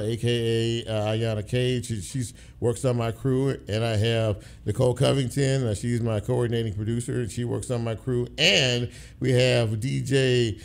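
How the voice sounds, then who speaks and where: A middle-aged man hosting a radio show in a studio, talking casually and rambling with repeated words. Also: mid-range voice.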